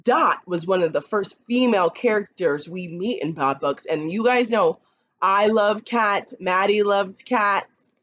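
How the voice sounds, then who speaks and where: A woman who teaches kindergarten, reading picture books aloud slowly and expressively, with chatty asides to the children. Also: lo-fi sound. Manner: slow, expressive read-aloud with lively pitch, chatty asides.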